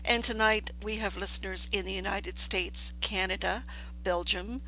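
A woman's voice: mid-range voice, fairly even intonation, normal speed, pushed and bright, a little hiss or hum, poor audio. A woman hosting a live radio talk show and introducing and questioning a guest. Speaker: paranormal talk show host.

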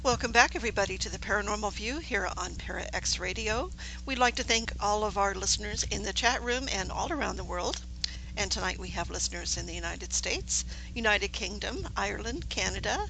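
A woman's voice: medium pitch, a little fast, gravelly, pushed and bright, slight background noise, poor audio. A woman hosting a live radio show in a casual, chatty way.

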